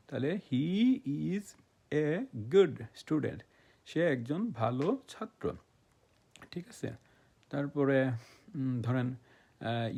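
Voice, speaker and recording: A man gives a grammar lesson. His voice is gravelly and husky, with a dark, mellow tone. He explains slowly and repeats himself, and he keeps asking whether his listeners have understood. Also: on the high side. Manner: repetitive, checks understanding often with rhetorical questions; spells words out letter by letter. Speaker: English grammar teacher.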